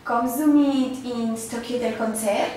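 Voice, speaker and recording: A woman's voice: on the high side, steady tone, a little mellow, a little hiss or hum. Hesitant woman learner. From Barcelona, Spain. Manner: hesitant, many pauses and fillers. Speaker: German language student. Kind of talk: scripted classroom role-play dialogue. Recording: echoey classroom, far from mic.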